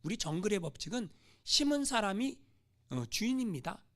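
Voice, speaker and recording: A man voicing stubborn jungle villagers who flatly state their rule, in a sermon story. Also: sits high, moderate pace. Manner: flat declarations of their rule.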